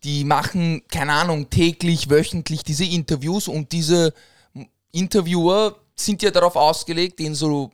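A young man, a guest in casual podcast chat, thinking out loud in slangy speech. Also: fairly high pitch, fairly even intonation, normal speed, smooth.

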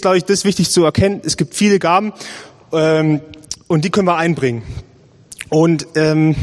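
High-voiced man preaching casually, reverberant hall. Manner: casual, conversational preaching with frequent "hey" and "ja". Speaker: lay preacher. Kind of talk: sermon. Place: church stage.

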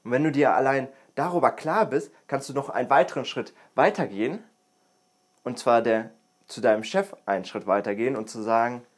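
A man's voice: medium pitch, a little fast. Earnest young man musing on self-improvement. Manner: earnest, repeats words for emphasis. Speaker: podcast host. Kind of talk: casual self-improvement monologue.

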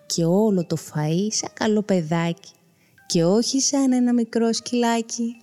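A woman narrating a children's bedtime story, gentle and expressive, sometimes dropping to a whisper. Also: a little high, faint music behind.

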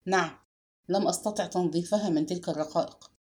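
Woman putting on a deep, sullen young man, strained and scared, warm mellow tone, storybook reading. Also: fast, close to an everyday voice. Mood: tense, sullen. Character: gruff frightened young man, a suspect.

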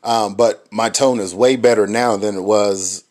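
Male co-host, low-ish voice, thoughtful and halting, lots of filler words. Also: fairly even intonation, a little mellow. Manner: thoughtful, hesitant with many ums and restarts. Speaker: married co-host. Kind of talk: reflective casual talk.

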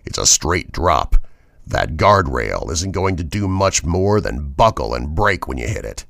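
A cold, threatening trucker drawls his words out slowly and low, each sentence sinking deeper than the last, as a man reading the story puts him on. The voice sits very low and is recorded close and dry, with no room around it. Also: sing-song, vocal fry, fairly bright tone, no room sound, exaggerated voice. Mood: menacing. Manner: slow, low, ominous drawl. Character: menacing male trucker on the CB, slow and cold.

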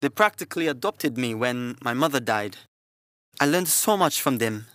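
A man voicing a sincere, quietly determined young man in a plain, earnest way. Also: medium pitch, lively intonation, normal speed, dry recording, clean studio sound, lightly acted.

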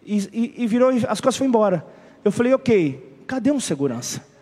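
A man's voice: high voice, fairly quick, long reverb tail. A man with a Brazilian Portuguese accent, a pastor telling a funny story in a sermon. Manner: humorous animated storytelling.

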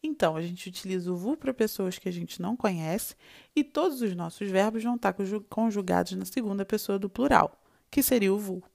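Brazilian woman teaching French, gravelly. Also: medium pitch, brisk, a little mellow. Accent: Brazilian Portuguese. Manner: explains patiently, repeats and recaps, models dialogue lines. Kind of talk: online language lesson.

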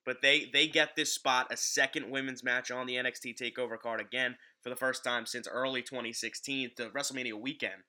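A man with a very bright, tense-edged voice at a medium pitch. He hosts a casual sports podcast from a basement at home. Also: steady tone, fairly quick, hardly any pauses. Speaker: podcast host. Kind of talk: casual sports podcast chat about wrestling.

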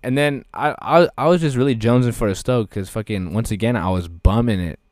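A man's voice: medium pitch, fairly quick, no echo, studio quality. A young man co-hosting a podcast in casual chat, telling stories animatedly with lots of swearing and laughter. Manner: profane, laughing, animated storyteller. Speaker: podcast co-host.

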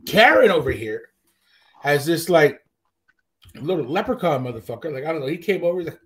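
Animated high-voiced man telling a story. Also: a little fast. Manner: animated, profane, slips into mock voices and accents. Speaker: podcast host. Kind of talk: casual storytelling chat.

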